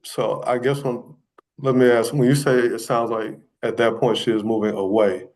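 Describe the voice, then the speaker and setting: A man questioning a witness in a courtroom, asking halting, self-correcting questions with many restarts. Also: medium pitch, level tone, darkish tone, rough recording.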